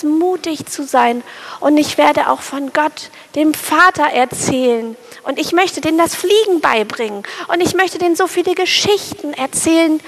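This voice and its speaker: A timid little sparrow frets and whines in a high, raised voice, as a woman storyteller puts him on. The voice has a gravelly edge and goes up with every worry, as in a bedtime story. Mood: joyful. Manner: anxious, whiny, fretting questions. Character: small timid fretful male sparrow.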